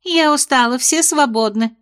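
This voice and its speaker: Evasive fairy headmistress read by a woman, soothing yet dismissive, slightly high voice, audiobook character. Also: moderate pace, a bit bright.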